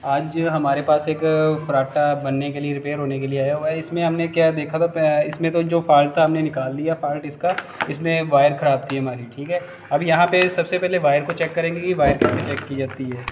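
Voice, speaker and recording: A high-pitched man with a Hindi accent explains a repair while he works, often asking a question and then answering it himself. His voice rings in an echoey workshop, with a faint hum of noise behind him. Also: little pitch movement, fairly quick. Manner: talks while working, rhetorical questions, repeats "ठीक है". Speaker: electrical repair instructor. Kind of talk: hands-on repair tutorial.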